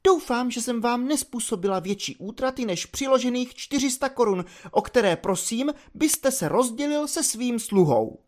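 A woman's voice: on the high side, animated, few pauses, darkish tone, pitched above the performer's own voice, natural voice. Man putting on an indignant, scornful young wife. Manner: indignant, biting.

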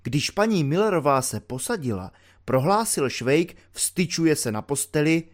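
A man narrating an audiobook in a measured storytelling way, slowing down for the dramatic lines. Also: on the high side, very animated. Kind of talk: audiobook reading.

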